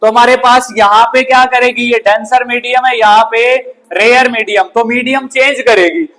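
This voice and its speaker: Male classroom science teacher with a very high voice, who quizzes the class and answers his own questions. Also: steady tone, moderate pace, fairly bright tone, poor audio. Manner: asks the class questions and answers them himself; often ends lines with "bhai". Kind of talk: classroom physics lesson. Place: school classroom.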